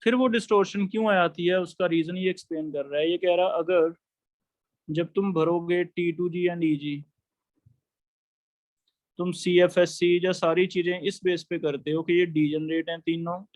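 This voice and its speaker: Man lecturing a chemistry class, high voice, dry close sound, explains step by step. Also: fairly even intonation, moderate pace, darkish tone, dry recording. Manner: explains step by step, asks students questions. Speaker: chemistry teacher.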